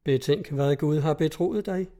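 A man voicing a kindly, jovial old pope who gently scolds. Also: on the high side, close to an everyday voice. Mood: fatherly.

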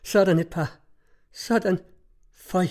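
A man's voice: sits high, animated, warm tone, pitched above the performer's own voice. A man reading an audiobook and voicing a sour, spiteful old mother in a peevish, scornful way. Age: over 60. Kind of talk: audiobook narration.

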